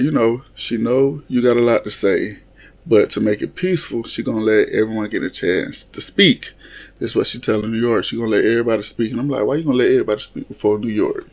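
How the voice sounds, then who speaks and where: A man casually recapping a reality show reunion, laughing often, swearing freely and acting out what the cast members said. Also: medium pitch. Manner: animated, laughing, profane, mimics cast members.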